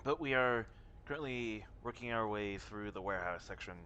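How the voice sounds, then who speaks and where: A man's voice: fairly low pitch, normal speed, sharp tone, muffled recording, slight background noise. A man giving casual live commentary as he streams a video game. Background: music.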